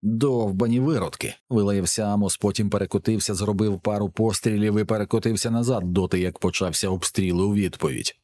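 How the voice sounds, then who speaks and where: A man narrating an action novel in a steady, measured reading. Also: on the low side. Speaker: audiobook narrator. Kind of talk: scripted narration.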